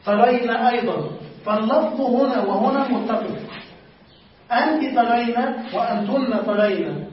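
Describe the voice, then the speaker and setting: A man's voice: very high-pitched, normal speed. A man teaching a live classroom lesson on Arabic word forms, quizzing students and repeating and correcting their answers. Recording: echoey room, distant mic, dull lo-fi, faint noise.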